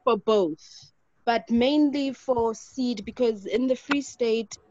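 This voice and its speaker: Woman on a dull dry video call, slightly high voice, eager but a bit unsure. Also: slow pace, dark tone, no echo. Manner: polite, eager, a bit hesitant. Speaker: workshop participant. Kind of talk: casual chat on a video call.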